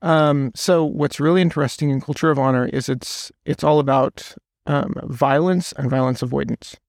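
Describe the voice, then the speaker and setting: Gravelly man explaining at length. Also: medium pitch, normal speed, no echo, clean studio sound. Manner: explains at length, storytelling with quoted voices. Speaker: podcast guest. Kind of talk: casual conversation.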